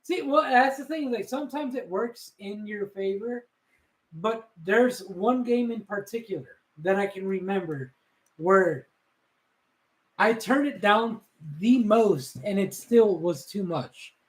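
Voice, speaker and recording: Man, gaming podcast co-host, slangy and profane, high voice, bouncy animated delivery. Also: slow, rough recording. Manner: profane, slangy, laughs often. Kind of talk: casual gaming podcast chat.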